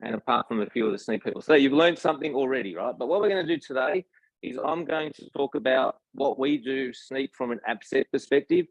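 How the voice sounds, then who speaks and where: Speaking at a medium pitch, animated and a little fast, this Australian tech company presenter delivers a casual technical talk at a meetup. He chats with his audience, often asking questions or adding "right?" to check in. There's no echo, but the sound is lo-fi.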